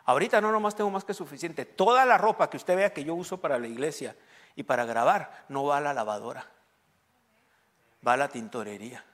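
A man's voice: a little high, brisk, a bit bright. Joking Mexican pastor in his forties. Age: 40s. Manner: humorous storytelling, joking with the congregation. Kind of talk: sermon.

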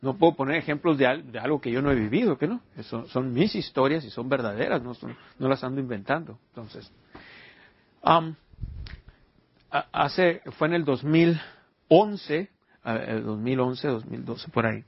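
A man's voice: mid-range voice, moderate pace, breathy edge, no room sound, muffled recording. A man preaching an informal sermon, telling personal stories and asking his listeners rhetorical questions. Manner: conversational storytelling with rhetorical questions.

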